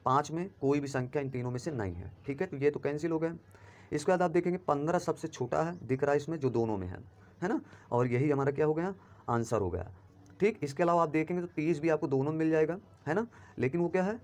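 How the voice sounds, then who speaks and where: Male math tutor, brisk explainer, higher-pitched, keeps asking if it's clear. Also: a little mellow. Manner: quick, explanatory, checks understanding with "clear?". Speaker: math teacher. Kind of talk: explaining class 5 math lesson.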